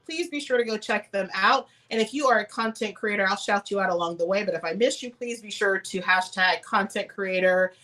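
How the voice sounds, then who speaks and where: A woman hosts a casual livestream chat, greeting viewers with frequent "um"s while sounding congested and nasal from a cold. She is a host and travel advisor, with a medium-pitched, bright, forceful voice that moves fairly quickly with few pauses.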